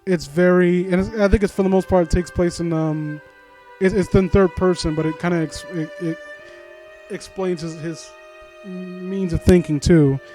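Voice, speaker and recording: Reading through a story and critiquing it, the host of a story critique series speaks in a casual, blunt way, stumbling over words, rephrasing, and swearing now and then. His high, dark voice holds a steady tone at normal speed. Music runs underneath, and because his new handheld mic sits at varying distances, he sometimes fades soft.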